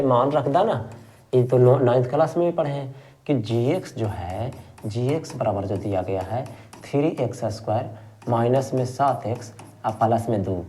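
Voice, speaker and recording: Male math tutor, mellow voice, repetitive question-and-answer teaching, affectionate with students. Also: medium pitch. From Bihar, India. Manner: asks questions and answers them himself, repeats key terms; affectionate, calls students "my rasgulla". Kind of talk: exam-prep math lesson.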